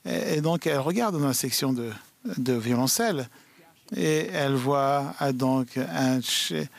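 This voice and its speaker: A man giving a live interpreted talk at an event, halting, with many fillers and restarts. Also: medium pitch, gravelly. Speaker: conference speaker. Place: large event hall.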